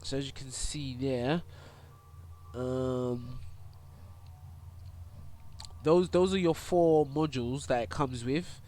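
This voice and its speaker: A young gaming YouTuber and streamer with a cold gives a congested, meandering game tutorial full of fillers and false starts. His mid-range voice is dark-toned and slow, broken up by frequent pauses.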